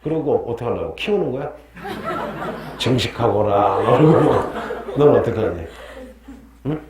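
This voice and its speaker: Animated male history teacher quizzing students. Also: medium pitch, a little slow, roomy sound, a crowd in the background. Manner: quizzes students, jokes and laughs often. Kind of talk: lively classroom lecture with student banter. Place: classroom.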